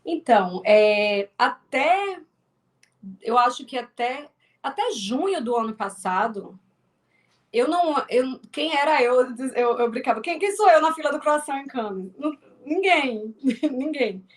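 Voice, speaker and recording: An expressive, high-pitched woman takes her time chatting as an interview guest. She's a filmmaker and actress from Northeast Brazil with a strong regional accent, and her casual talk includes many restarts.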